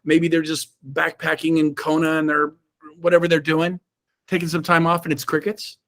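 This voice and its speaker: Middle-aged guy pumping up his team on a zoom call, high voice, goes from yelling to muttering. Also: completely flat delivery, moderate pace. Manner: fired-up, emphatic, swings from shouts to low asides. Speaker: real estate team leader. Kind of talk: motivational coaching talk. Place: indoors, own room on a Zoom call. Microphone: video call.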